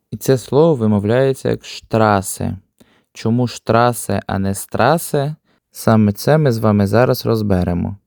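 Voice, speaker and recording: A man teaching a language lesson on video, explaining calmly and patiently. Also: mid-range voice, vocal fry, no room sound, clean studio sound.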